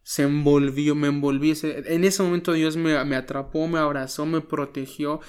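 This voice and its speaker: A man, a pastor telling an emotional personal testimony in an interview, earnest and halting, often dropping to a hush. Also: on the high side, steady tone, smooth. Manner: earnest, halting, many restarts, drops to a soft voice when quoting prayers.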